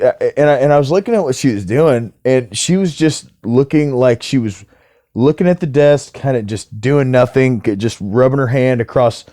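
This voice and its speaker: A man's voice: medium pitch, dark tone, no room sound, studio quality. A man talking in a casual monologue to camera as a vlogger, ranting heatedly and swearing.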